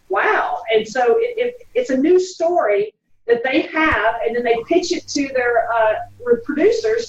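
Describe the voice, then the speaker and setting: A woman's voice: sits high, slight background noise. A woman with a Southern US accent, telling stories in a chatty way with swooping intonation as an interview guest. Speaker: private investigator, guest. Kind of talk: animated storytelling in conversation. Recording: roomy, distant, slightly dull sound.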